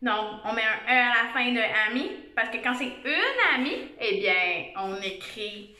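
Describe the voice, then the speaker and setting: Femme enseignante québécoise, voix aiguë et chantante. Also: female voice, a little high, animated, sharp tone. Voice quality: slow, sing-song, exaggerated enunciation. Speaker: teacher. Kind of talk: dictation lesson for young children. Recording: echoey room.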